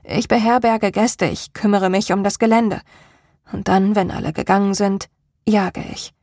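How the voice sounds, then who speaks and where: A woman reading the part of a haunted, determined young woman in measured, weary tones. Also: mid-range voice, fairly even intonation, darkish tone, dry recording, studio quality, close to an everyday voice. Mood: grim. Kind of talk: audiobook character reading.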